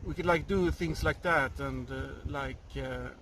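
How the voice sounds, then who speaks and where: A man with a fairly high voice speaks casually, searching for words. His delivery is halting and repetitive, with plenty of outdoor traffic noise around him. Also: fairly bright tone. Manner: halting, groping for words, repeats himself. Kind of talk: casual chat. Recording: noisy outdoor recording, urban traffic.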